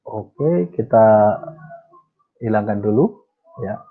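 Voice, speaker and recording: A man teaching Japanese in a casual lesson. He reads example sentences slowly, then translates and explains them. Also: fairly low pitch, animated, husky. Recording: tinny phone-like audio.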